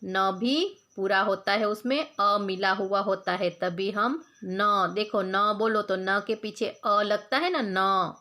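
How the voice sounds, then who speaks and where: A woman's voice: medium pitch, slow pace, hardly any pauses, sharp tone. A woman teacher giving a grammar lesson to children, patient and repetitive, often asking the class questions and spelling words out sound by sound. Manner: patient, repeats points and asks the class questions; mixes in English words. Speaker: school teacher.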